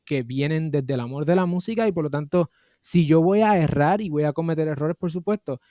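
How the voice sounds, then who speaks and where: A man from Puerto Rico with a Puerto Rican accent, talking thoughtfully as an interview guest about music and law, with frequent pauses and fillers. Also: a little high, dark tone, no room sound, dull audio. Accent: Puerto Rican Spanish. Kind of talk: reflective conversational interview.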